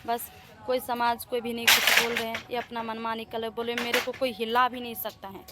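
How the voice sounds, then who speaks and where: A woman's voice: a little high, little pitch movement, brisk, over loud music. A young woman with a Bihari Hindi accent, vlogging in a plaintive, indignant way on a handheld phone as she walks through her family house and rooftop. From Bihar, India. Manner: plaintive, indignant, pleading to viewers. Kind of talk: aggrieved personal vlog.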